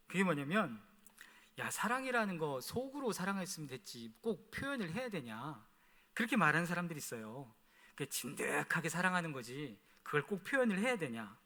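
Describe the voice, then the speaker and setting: Male pastor, lively sermon, bright tense voice, long echo of a church hall. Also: fairly high pitch. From South Chungcheong, Korea. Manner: storytelling, chatty, asks the congregation questions. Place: church sanctuary.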